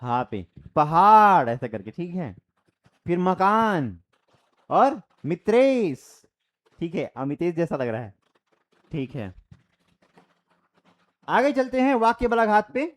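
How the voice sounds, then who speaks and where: A man with a fairly high, very lively voice teaches an exam-prep grammar lecture. He keeps repeating his examples and throws quick questions back at the class. His delivery swings widely up and down as he drills each point. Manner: explains by repeating and quizzing students.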